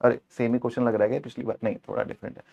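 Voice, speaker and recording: Guy teaching accounts, jokey, tells off the wrong options, mid pitch voice. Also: level tone, very fast, gravelly, warm tone, husky. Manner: playful, scolds answer options, switches between Hindi and English. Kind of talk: exam-prep lecture.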